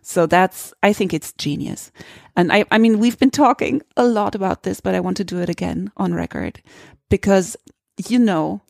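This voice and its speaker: A woman's voice: mid-range voice, normal speed, creaky, few pauses, no room sound, clean studio sound. A woman with a German accent hosting a podcast, talking candidly in a searching way that often restarts phrases. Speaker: podcast host. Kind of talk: casual conversation.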